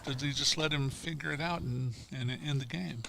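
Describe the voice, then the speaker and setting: A man's voice: mid-range voice, steady tone, normal speed, gravelly, heavy background noise. A man giving casual, conversational baseball commentary and opinions as a color commentator.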